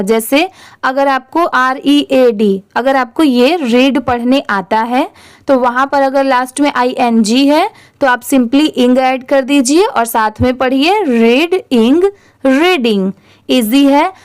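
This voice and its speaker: A woman's voice: high-pitched, unhurried, clean tone, no room sound, clean studio sound. A woman teaching English reading who spells words out letter by letter and then blends them into whole words. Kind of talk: slow spelling-out reading lesson.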